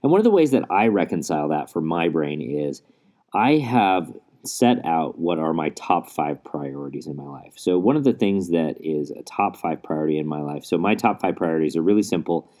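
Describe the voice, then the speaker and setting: Man, very low pitch, mellow tone, casual podcast host, recorded under blankets in a closet. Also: animated, normal speed. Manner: conversational, speaking from under a blanket. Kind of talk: casual solo podcast monologue. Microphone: makeshift setup without usual recording gear.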